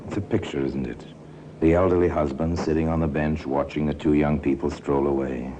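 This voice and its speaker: In an old radio recording with music, a man narrates and hosts a 1950s crime anthology, ruminative, wry and insinuating like a knowing storyteller. His very deep, dark voice stays steady and a little fast, setting an ominous yet measured mood. There's a faint hiss or hum.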